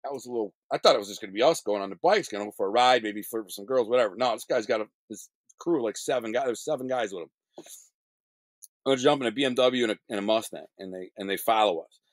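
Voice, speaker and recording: A man's voice: on the low side, quick pace, dry recording. A middle-aged man, a guest telling his life story in casual, slangy talk, acting out the other people in it. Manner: animated, acts out other people's lines in the story; blunt street slang with censored swearing.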